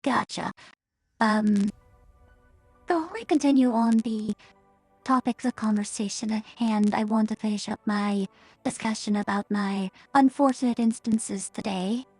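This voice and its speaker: A woman's voice: medium pitch, a little slow, darkish tone, slightly rough, no room sound, soft background music. A woman VTuber chatting casually on stream through a staticky voice changer that cuts out, rambling with hesitant fillers.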